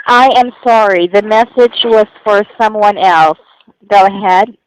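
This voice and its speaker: A woman's voice: medium pitch, unhurried, highs cut off, a little hiss or hum. A woman working as a relay operator, reading typed messages aloud in polite, formulaic phrases.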